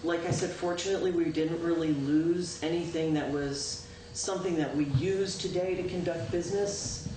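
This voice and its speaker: This loud, chatty town clerk, a woman whose voice is on the low side with a steady tone, offers an informal spoken report to the town board. She often pauses on "um" and corrects what she says. A distant microphone in the town meeting room yields a noisy, echoey, far-sounding local-access meeting recording.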